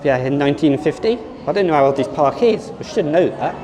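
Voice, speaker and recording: A man's voice: on the high side, lively intonation, brisk, noisy background. A man giving casual, rambling vlog commentary at a theme park and then inside an exhibition. He thinks aloud, often restarts and corrects himself.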